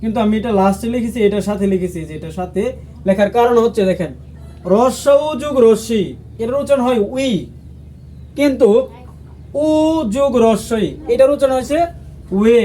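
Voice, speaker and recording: A man from Bangladesh teaching a language lesson, slowly and patiently repeating each sound for his viewers. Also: very high voice, warm tone, faint music behind. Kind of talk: lesson explaining how to say letters.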